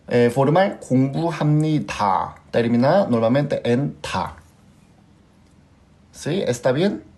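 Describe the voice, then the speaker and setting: In a live class, a man with a Korean accent explains a language lesson in a mid-range, slightly mellow voice. He patiently repeats examples and keeps checking whether his students have understood.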